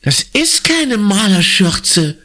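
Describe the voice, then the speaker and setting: A man voicing an anxious, superstitious schoolgirl in an audiobook, with shrill, dismayed outbursts. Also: sing-song, a little slow, a bit bright, heavily acted. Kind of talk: audiobook character voice.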